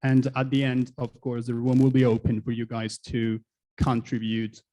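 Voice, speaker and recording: A man's voice: medium pitch, level tone, moderate pace, warm tone, rough recording. Hesitant man moderating a panel. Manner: casual, hesitant with frequent ums. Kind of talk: conference panel introduction. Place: conference hall.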